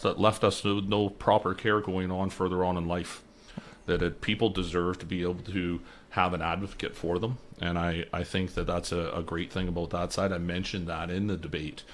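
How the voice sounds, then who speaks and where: This young man has a deep voice, and the recording carries a little hiss or hum. He's an election candidate from British Columbia's Lower Mainland, earnestly answering interview questions in a radio studio through a studio mic on a boom arm, often restarting words while he searches.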